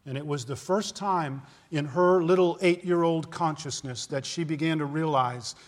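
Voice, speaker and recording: Speaking at a normal speed in a slightly high voice, a fifty-something pastor preaches earnestly but conversationally, tossing rhetorical questions to his listeners. A long reverb tail follows his words.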